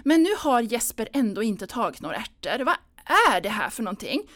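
Fretful older mother, high, wavering and whiny, voiced by a woman narrator; audiobook. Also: very animated. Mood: fussing. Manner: nervous, plaintive, close to tears. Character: anxious fussy older mother hosting Christmas dinner.

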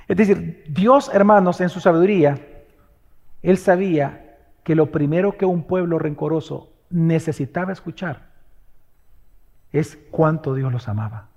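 A man preaching a sermon, firing off rhetorical questions and swinging between loud exhortation and hushed, tender passages. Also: fairly high pitch, measured pace, vocal fry, pauses often, dull audio. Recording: long hall reverb.

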